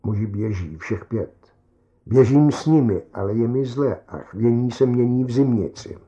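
A man narrating a story in the first person with a tense, measured dramatic reading, on a dull lo-fi recording. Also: mid-range voice, mellow. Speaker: audiobook narrator.

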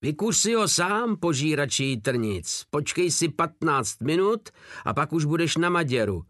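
A man voicing a mocking male partisan who shouts insults over a radio in an audiobook war story. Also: on the high side, very animated, no room sound, clean studio sound, voice pushed up. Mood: taunting.

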